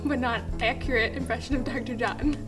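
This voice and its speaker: A woman with a high voice rambles through a casual tribute, filling every pause with fillers. She sits back from the mic, and loud music plays behind her. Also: fairly even intonation, recorded from a distance.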